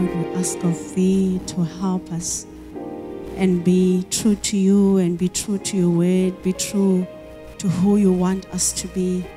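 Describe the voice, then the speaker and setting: Standing on a church hall stage with a handheld microphone, a middle-aged woman delivers a sermon in a voice on the low side. Earnest in manner, she circles back over words as she looks for how to say things.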